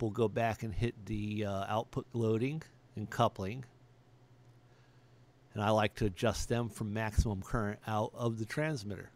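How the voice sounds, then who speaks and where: Background noise is clearly audible as a middle-aged amateur radio operator gives a plain, matter-of-fact demonstration. His voice has a medium pitch and a sharp tone, and he narrates the instructions step by step.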